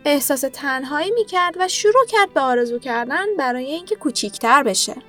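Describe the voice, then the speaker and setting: High-voiced woman narrating a children's story. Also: lively intonation, a bit bright, faint music behind.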